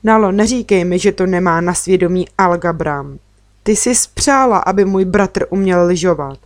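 Woman doing a curious little girl, eager and pleading, voice pushed up higher, dry close sound. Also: no room sound, lightly acted.

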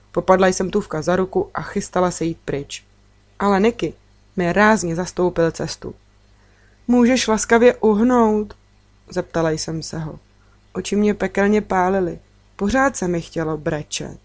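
A woman's voice: lowish voice, darkish tone. Woman reading a children's story. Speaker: audiobook reader. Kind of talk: first-person children's story narration.

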